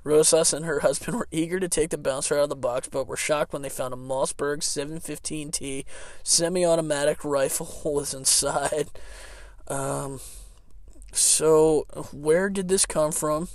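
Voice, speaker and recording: A man with a somewhat high voice hosts a casual podcast, reading news items aloud and breaking into laughter mid-sentence. He rambles, restarts and trails off with fillers. The sound is dry and close to the mic. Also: fairly even intonation, unhurried, no room sound. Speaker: podcast co-host.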